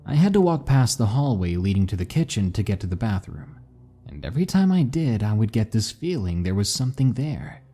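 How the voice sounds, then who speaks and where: A man narrating spooky stories in a slow, hushed, dramatic way. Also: fairly low pitch, very animated. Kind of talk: scripted story narration.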